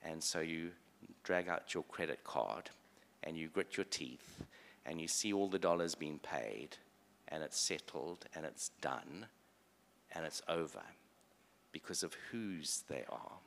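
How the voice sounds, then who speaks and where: A man preaching a sermon, dropping to hushed whispers and rising to loud outbursts. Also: extremely low pitch, animated, a little slow, vocal fry. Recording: long hall reverb, faint noise.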